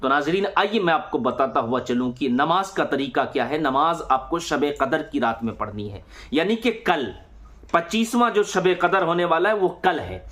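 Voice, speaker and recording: A man's voice: fairly high pitch, normal speed. A man, explaining prayer steps to viewers one at a time and talking to them directly. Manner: lively, explaining step by step, addresses viewers directly. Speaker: religious instructor on a channel.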